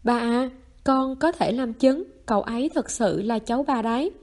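A woman voicing a plain-spoken, strong young man who talks gently and coaxingly in a story reading. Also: fairly high pitch, moderate pace, close to an everyday voice.

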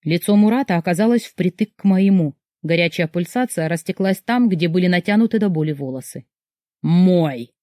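A woman's voice: lowish voice, brisk, hardly any pauses, warm tone, no room sound, clean studio sound. Woman narrating a tense novel. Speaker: audiobook narrator. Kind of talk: first-person novel narration.

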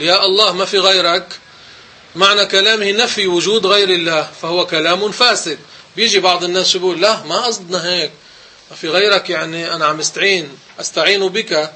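A man's voice: high voice, sharp tone, a little hiss or hum. A man giving a religious lesson, commenting on a text and firmly correcting wrong sayings. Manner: emphatic, corrective explaining. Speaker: religious teacher.

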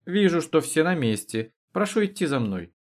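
A man reading the lines of a brisk, businesslike male university curator giving instructions. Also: fairly high pitch, big pitch swings, pitched above the performer's own voice.

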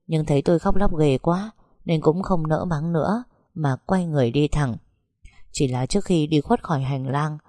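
A woman narrating an emotional first-person story for an audiobook, slow and heartfelt, on a close mic. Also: deep voice, dark tone, dry recording.

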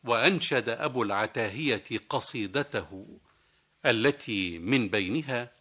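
A man's voice: medium pitch, measured pace, bright, forceful tone. A man presenting a scripted radio literary program in formal classical Arabic, telling anecdotes and quoting verse.

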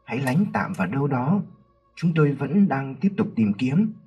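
A man's voice: mid-range voice, very animated, normal speed, darkish tone, breathy edge, muffled recording, soft background music, pitched above the performer's own voice. A man voicing an earnest rescue team leader giving urgent advice.

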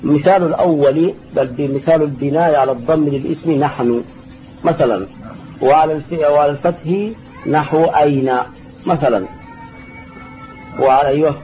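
A man's voice: a little high, steady tone, normal speed, long pauses, warm tone. A man teaching a classroom grammar lesson, patiently repeating key terms and answering students' questions. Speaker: sheikh teaching Arabic grammar. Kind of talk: classroom lesson explaining a text. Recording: dull lo-fi recording with faint hiss.

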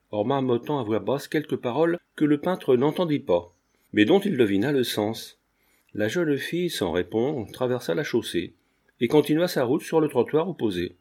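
A man's voice: medium pitch, breathy edge. Man narrating a classic novel. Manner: measured, expressive reading. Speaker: audiobook narrator. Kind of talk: scripted narration.

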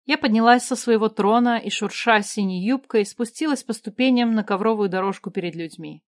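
A woman narrates a fantasy audiobook in the first person at a middling pitch, in an even, measured way. The sound is close and dry, recorded on a close mic with no room around it. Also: no room sound.

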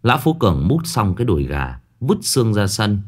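A man narrating a ghost story with dramatic, expressive delivery. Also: fairly low pitch, a little fast.

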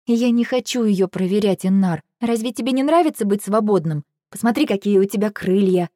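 A woman's voice: mid-range voice, expressive, a little fast, mellow, no echo, clean studio sound, lightly acted. A woman voicing a spirited, impulsive young heroine in an audiobook, speaking in an emphatic, heated way. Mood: pleading. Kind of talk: audiobook character reading.

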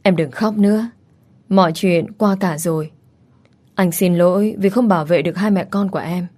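Casual: lady reading as a sweet caring young husband, low mellow voice, soft reassuring talk, little bit of music behind. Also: normal speed, natural voice. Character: devoted young husband, tender and doting.

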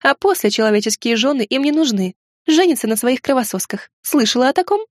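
A woman's voice: sits high, animated, quick pace, no echo, clean studio sound, pitched above the performer's own voice. A woman reading aloud, voicing a snappish, bitter young sorceress who shrieks and sulks.

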